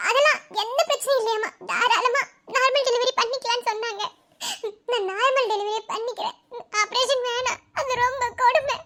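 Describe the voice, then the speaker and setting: A woman's voice: extremely high pitch, fairly even intonation, fairly quick, bright, forceful tone. A woman voicing a brave young pregnant wife who comforts her frightened husband, tender and teasing. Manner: tender, teasing, laughing through tears. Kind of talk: cartoon voice acting.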